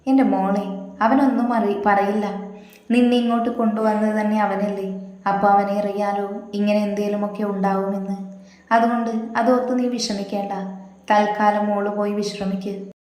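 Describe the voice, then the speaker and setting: A woman voicing a calm, protective older-brother man who speaks slowly and soothingly, recorded in a very echoey room. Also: medium pitch, close to an everyday voice.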